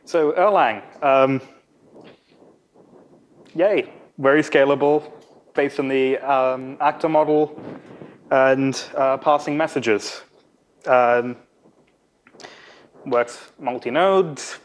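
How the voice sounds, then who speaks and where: Young male conference speaker, slow and hesitant, informal tech talk. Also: mid-range voice. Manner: halting, hesitant delivery. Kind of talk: informal technical lightning talk. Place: conference room at a podium. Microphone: podium microphone.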